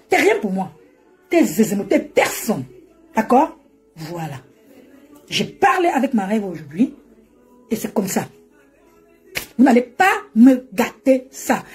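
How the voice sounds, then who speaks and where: A woman's voice: medium pitch, very animated, normal speed, pauses often, darkish tone, soft background music. A woman ranting and mocking on a live stream from home, laughing often as she talks into her phone. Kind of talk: animated Facebook live rant.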